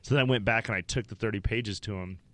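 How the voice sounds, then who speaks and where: A man's voice: fairly low pitch, fast, fairly bright tone, no room sound. A man from Wyoming, a stand-up comedian, telling rambling, profane stories as a podcast guest. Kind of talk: casual interview storytelling.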